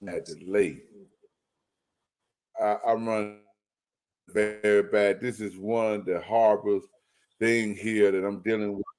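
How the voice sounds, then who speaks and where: Male show host, lower than usual, voice breaking up and freezing over a bad online call, flustered. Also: fairly even intonation, unhurried, pauses often, darkish tone, clean tone. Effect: choppy, breaking-up internet call audio. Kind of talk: online talk show discussion.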